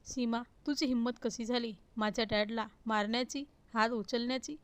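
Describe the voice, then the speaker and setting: A woman's voice: fairly high pitch, steady tone, moderate pace, lightly acted. A woman reading the lines of a cruel, arrogant young husband who talks scornfully and gives orders. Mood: commanding. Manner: scornful, commanding.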